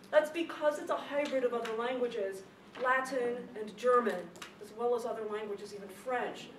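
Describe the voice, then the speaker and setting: A woman teaching a classroom speech lesson on pronunciation, lively and emphatic, repeating her key points. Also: fairly high pitch. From not from the Chicago area. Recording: echoey classroom, distant mic, background noise.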